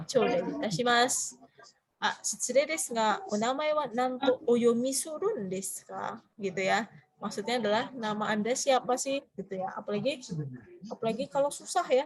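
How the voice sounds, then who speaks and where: A woman's voice: fairly high pitch, breathy edge. A woman with an Indonesian accent teaching a business Japanese class, explaining in Indonesian and quizzing her students.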